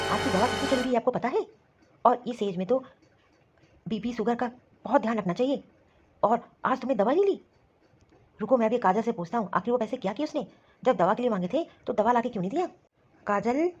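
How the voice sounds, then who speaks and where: An anxious, stern husband and son from a cartoon story, voiced by a woman, pressing his points quickly and insistently. The voice is husky and pitched fairly high. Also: a little mellow. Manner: scolding, rapid and insistent. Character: grown son and worried husband, office worker. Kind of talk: animated story voice acting.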